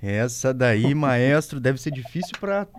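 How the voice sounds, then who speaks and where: Man hosting over loud music. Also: medium pitch, unhurried. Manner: relaxed, short prompts and agreements. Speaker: radio host. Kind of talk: casual radio chat.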